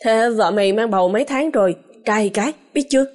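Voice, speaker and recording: A woman's voice: fairly high pitch, a little fast, a little mellow, lightly acted. A woman playing a young man's casual banter. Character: young unmarried man, easygoing drinking buddy.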